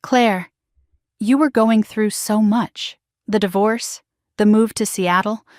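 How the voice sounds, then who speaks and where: A woman's voice: mid-range voice, fairly even intonation, takes it slowly, darkish tone, no room sound, natural voice. A woman voicing an anxious, guilt-ridden middle-aged mother who talks in a pleading, placating way in a storybook drama.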